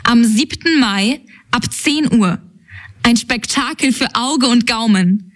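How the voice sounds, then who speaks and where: A woman reading a radio commercial in a slightly high voice. She speaks slowly and clearly, with an inviting tone. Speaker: ad voice-over.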